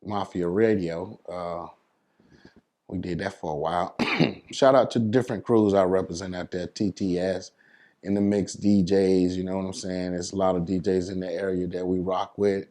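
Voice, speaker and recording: This New York City DJ talks in a low, dark voice, steady in tone and moderate in pace. Being interviewed casually, he delivers strong advice in relaxed, slangy language.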